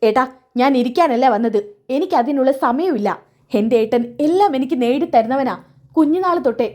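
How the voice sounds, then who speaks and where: Woman reading angry young man, defiant, bitter, high voice, plain read. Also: lively intonation, a little fast, mellow. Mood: resentful.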